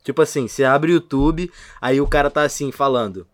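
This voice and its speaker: A man's voice: mid-range voice, a little fast. A man with a Rio de Janeiro accent co-hosting a casual home podcast, slangy, teasing and swearing a lot. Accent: Rio de Janeiro Portuguese. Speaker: podcast co-host. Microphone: home podcast mic.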